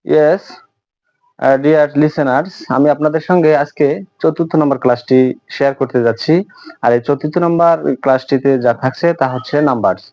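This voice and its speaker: A man's voice: fairly high pitch, moderate pace, dry recording, lo-fi sound. A man giving a beginner's English pronunciation lesson, talking hesitantly and repeating words with many fillers. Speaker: English teacher. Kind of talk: spoken English lesson in Bengali.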